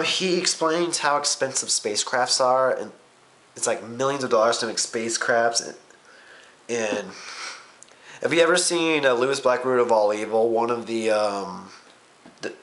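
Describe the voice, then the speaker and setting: A man's voice: on the low side, fairly bright tone. Rambling young man vlogging. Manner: rambling, filler-heavy, swears casually. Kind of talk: casual recap vlog.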